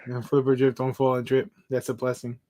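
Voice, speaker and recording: A man's voice: mid-range voice, monotone, fast, a little mellow. Laid-back man in his forties hosting. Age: 40s. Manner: laughs often, reads out viewer comments. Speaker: stream host. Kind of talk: casual livestream chat.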